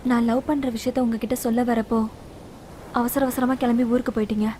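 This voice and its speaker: A woman's voice: fairly high pitch, fairly even intonation, brisk, a little hiss or hum, close to an everyday voice. A woman playing an earnest lovelorn young woman. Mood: pleading. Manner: earnest, pleading. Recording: film soundtrack with loud music behind.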